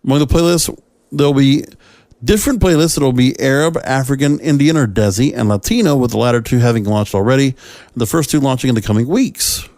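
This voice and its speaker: On his solo podcast, a man riffs conversationally on entertainment news, tossing out rhetorical questions and reworking sentences partway through. His medium-pitched voice is brisk and a little mellow, recorded at studio quality with no echo.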